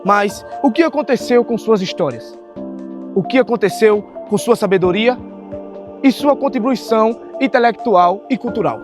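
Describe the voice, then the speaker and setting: A Brazilian man with a fairly high voice reads scripted documentary narration in a solemn tone. Clear music plays underneath him. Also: moderate pace.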